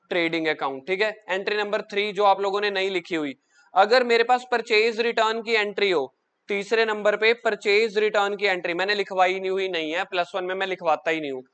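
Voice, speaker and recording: High-voiced man teaching accounts. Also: steady tone, fairly bright tone, clean tone. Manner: drills students with quick questions, calls them beta. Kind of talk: classroom lecture.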